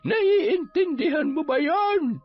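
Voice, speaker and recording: A performer playing a stern old folk healer who gives deliberate, threatening commands. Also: high voice, expressive, lo-fi sound. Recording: band-limited audio with music behind.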